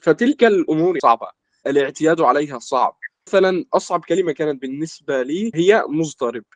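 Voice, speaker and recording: A young man from Egypt, a language student in an interview, explaining at a measured pace with lots of filler words. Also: on the high side, expressive, dry recording. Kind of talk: casual conversation in formal Arabic.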